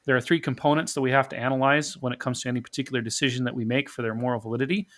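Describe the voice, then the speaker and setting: Man, podcast co-host, methodical, quick pace, mid pitch. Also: steady tone, fairly bright tone. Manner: explanatory, methodical. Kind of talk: casual discussion.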